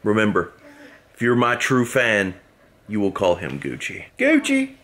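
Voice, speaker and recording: A man's voice: lowish voice, animated, measured pace, very noisy. A man, telling a rambling, amused story to his camera. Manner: rambling, amused, repeats himself. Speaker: vlogger.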